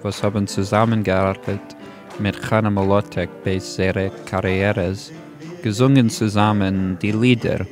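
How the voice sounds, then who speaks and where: A man's voice: on the low side, little pitch movement, measured pace. A man giving plain, matter-of-fact voice-over narration. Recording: over loud live concert music and crowd.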